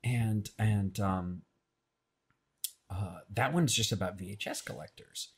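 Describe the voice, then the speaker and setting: Low husky-voiced male filmmaker. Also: slow. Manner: hesitant, restarts and repeats words. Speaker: filmmaker guest. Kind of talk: casual interview. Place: radio show studio.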